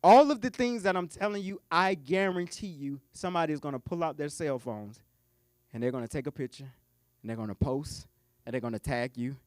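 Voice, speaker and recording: A man's voice: on the high side, fairly quick, dry recording, studio quality. A man who coaches businesses, giving a live keynote talk at a conference lunch. He jokes and talks straight to the audience.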